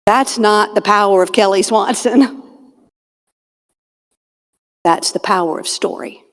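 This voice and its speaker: In a mid-range voice, a woman from Georgia with a Southern US accent performs a humorous motivational keynote on a conference hall stage, the stage mic picking up the hall's long reverb. She's a motivational speaker and comedian who tells stories dramatically, with pauses, comic asides, and punchlines lowered nearly to a whisper.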